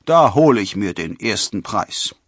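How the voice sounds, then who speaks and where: A man's voice: fairly low pitch, animated, unhurried, fairly bright tone, breathy edge, no echo, clean studio sound, full character voice. A man voicing a proud, bold young male archer.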